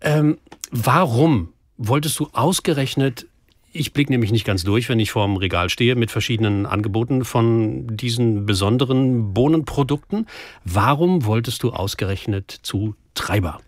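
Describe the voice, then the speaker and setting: A man's voice: mid-range voice, moderate pace, no echo, clean studio sound. A man hosting a radio show, talking playfully and joking while tasting food on air. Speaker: radio host. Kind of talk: casual radio conversation.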